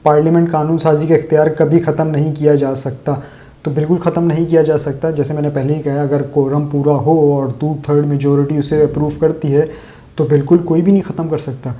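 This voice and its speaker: A man's voice: fairly high pitch, level tone, mellow. A man from Pakistan delivering sarcastic, opinionated solo political commentary straight to his viewers.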